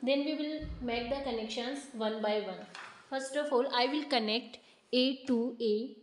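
A woman in her twenties with an Indian accent, working as a product demonstrator, walks through an instructional demo plainly, step by step. Her voice sits on the high side and moves a little slowly. She's indoors in an office showroom with shelves; the recording is roomy and echoing, with slight background noise.

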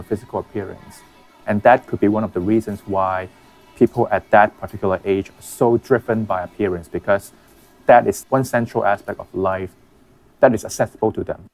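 Low-pitched male expert, calm, explanatory documentary interviewee. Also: soft background music. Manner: measured, explanatory.

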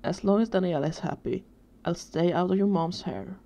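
A woman voicing a cold, threatening teenage boy who hisses and growls his warnings, in a dark, low voice on a dull recording. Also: fairly quick. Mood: weary firm.

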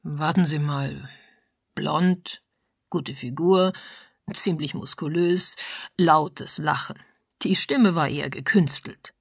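Woman doing a sly older lady, slow and musing, low gravelly husky voice. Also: no echo, clean studio sound, exaggerated voice. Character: older woman, thoughtful, slyly sharp.

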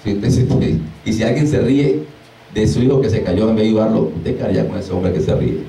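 A man with a gravelly, fairly low voice talks fairly quickly as he preaches informally to a small group as a deliverance minister. He mimics exclamations with animation and laughs while preaching, and the mic sits far away in an echoey room.

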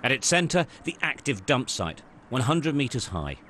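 An older man reporting and narrating a news report in a measured, grave way. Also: mid-range voice, sing-song, a bit bright, slight background noise.

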